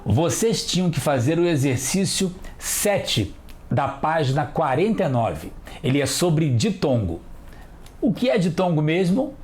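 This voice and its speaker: A teacher, giving a children's TV lesson and spelling out sounds slowly and carefully. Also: medium pitch, big pitch swings, darkish tone.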